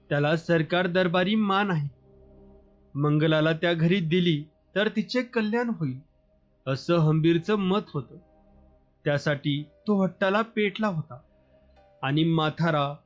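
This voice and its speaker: A man reading a novel aloud as a storyteller, measured and expressive. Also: a little high. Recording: slightly muffled, soft background music.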